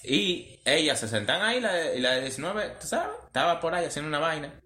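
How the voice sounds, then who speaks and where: A man, co-hosting a podcast, bantering and teasing in relaxed casual chat. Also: on the high side, fast talker. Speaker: podcast co-host.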